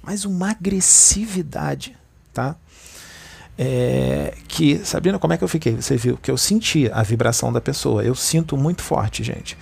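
A man's voice: medium pitch, gravelly, darkish tone, breathy edge. A man with a Brazilian Portuguese accent giving an informal spiritual talk, conversational and constantly checking in with his listeners. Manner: conversational, tags lines with "né" and "tá", addresses listeners as "gente". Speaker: spiritual speaker.

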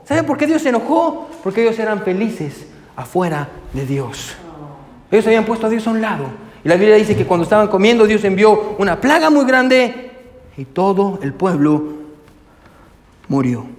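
A man's voice: sits high, lively intonation, moderate pace. A male pastor preaching a sermon, emphatic and full of rhetorical questions, often adding "amen". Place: church sanctuary. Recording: echoey church hall with long reverb.

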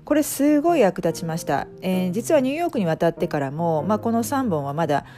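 A woman's voice: on the low side, very animated, a little fast, warm tone, faint music behind. A middle-aged woman, a life coach, talking casually as a podcast guest, with many fillers and restarts. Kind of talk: casual interview talk.

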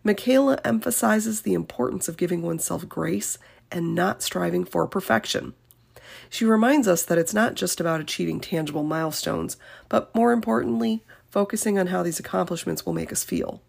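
Her lowish voice is sing-song, creaky, a little mellow and slightly rough as she reads a podcast's scripted introduction at a moderate pace. The host is getting over a cold that leaves her scratchy, but her tone is upbeat and encouraging.

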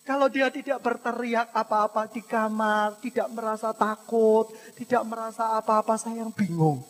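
A man preaching a sermon as pastor, moving between hushed asides and loud, dramatic passages, and asking the congregation questions. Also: high-pitched, steady tone, moderate pace. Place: church hall. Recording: echoey church hall.

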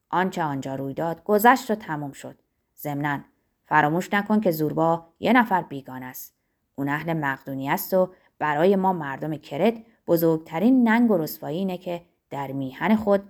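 A woman's voice: low-pitched, a little mellow, pitched below the performer's own voice. A woman voicing a man who steps between two fighters and firmly talks them into making peace. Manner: firm, coaxing, reasoning. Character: calm man peacemaker, stern and persuasive.

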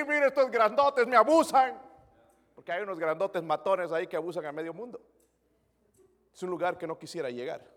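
A man's voice: fairly high pitch, in a large hall. A man preaching a sermon as pastor, asking the congregation questions and dropping English words into his Spanish.

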